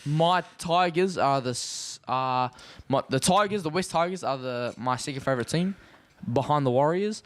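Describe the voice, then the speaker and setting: A man's voice: on the high side, moderate pace, hardly any pauses, no echo. A man with a broad Christchurch New Zealand accent, chatting casually and emphatically, often repeating short phrases. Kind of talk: casual chat.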